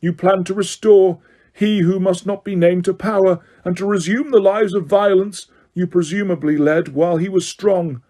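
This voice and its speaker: A man's voice: high voice, steady tone, moderate pace, warm tone, pitched above the performer's own voice. A man voicing a stern, hateful judge who bellows his commands. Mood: stern, furious.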